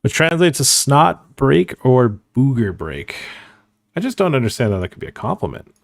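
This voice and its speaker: A man's voice: mid-range voice, big pitch swings, normal speed, creaky. A man streaming online poker, thinking aloud in casual, self-mocking commentary and swearing freely.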